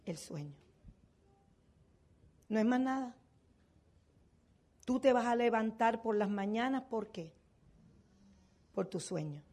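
A woman's voice: on the high side, animated, slow, long pauses, darkish tone. An older woman giving a motivational seminar talk to a business audience. She asks rhetorical questions and then answers them herself.

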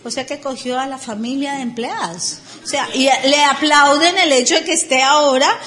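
A Colombian woman with a high, bright voice tells a personal story in a casual, animated way. Her Colombian accent colors every line, and she turns sarcastic as she acts out others. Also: normal speed, faint music behind. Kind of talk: casual anecdote telling.

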